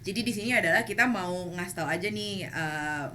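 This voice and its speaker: A woman's voice: medium pitch, fairly quick, bright, forceful tone, slight background noise. A woman co-hosting a podcast in casual chat, supportive and switching into English. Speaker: podcast co-host.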